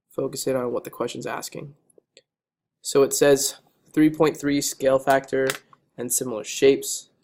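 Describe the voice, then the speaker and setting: A man's voice: mid-range voice, a little mellow. A male teacher who is losing his voice, patiently talking students through digital math notes on a screen recording and checking in with frequent okays.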